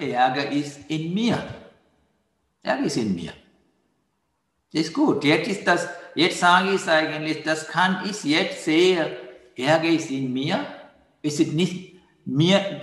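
A man giving a calm dharma talk on mindfulness as a meditation teacher, patiently repeating his key phrases. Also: on the high side. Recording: roomy hall with long reverb.

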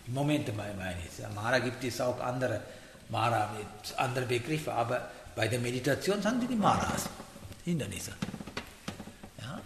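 A man giving a meditation talk in halting German, often checking in with a questioning "ja?". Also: mid-range voice, animated, creaky. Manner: halting non-native German, frequent "ja?" checks. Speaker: meditation teacher. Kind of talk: dharma talk. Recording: echoey hall, faint noise.

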